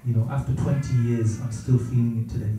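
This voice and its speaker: A middle-aged man speaks in a deep, mellow, very dark tone, reverent and unhurried, often stopping on fillers as he gathers his thoughts. He sits at a distance from the mic, and a strong room echo surrounds each phrase. The delivery is a reflective religious talk. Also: fairly even intonation, soft background music. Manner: gentle, reverent, hesitant with many pauses and fillers. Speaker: speaker sharing personal experience.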